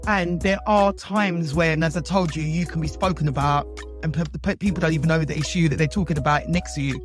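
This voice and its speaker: A woman's voice: deep voice, fairly even intonation, brisk, soft background music. A woman from London chatting casually on a podcast, exclaiming and talking points through in long run-on turns. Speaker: podcast co-host. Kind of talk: casual chat.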